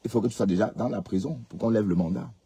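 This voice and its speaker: Deep, dark-voiced man scolding his viewers. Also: fast, breathy edge. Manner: scolding, rhetorical questions with tag "hein". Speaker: live stream host. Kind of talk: casual live commentary reading comments.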